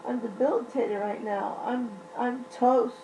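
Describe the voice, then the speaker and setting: A woman's voice: fairly high pitch, fairly even intonation, a little slow, mellow, slight background noise, poor audio. A woman vlogging casually while in pain and on medication, blunt and profane, rambling and restarting often. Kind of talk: casual vlog monologue.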